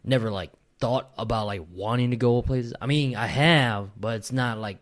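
A man's voice: mid-range voice, moderate pace. A man, chatting casually and rambling with lots of fillers and restarts. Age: late 20s. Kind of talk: casual chat.

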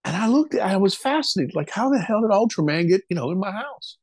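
A man's voice: high-pitched, big pitch swings, fast, breathy edge, dry recording. Man telling a story with casual swearing. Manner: casual, swears freely, vivid retelling of a childhood experience. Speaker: interview guest. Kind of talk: storytelling in a podcast interview.

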